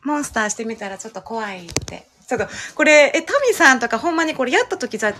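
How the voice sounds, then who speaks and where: Brief: woman, Kansai accent, casual home-livestream host, chatty, slightly high voice. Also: lively intonation, quick pace, pushed and bright, a little hiss or hum. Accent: Kansai Japanese. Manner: chatty, laughs often, reads comments aloud. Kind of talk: casual live chat. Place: home, over dinner.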